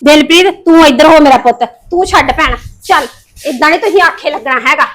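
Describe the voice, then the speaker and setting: A woman's voice: sits high, fairly quick, close to an everyday voice. A woman playing a domineering mother who scolds and threatens her child. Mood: scolding. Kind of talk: family drama acting.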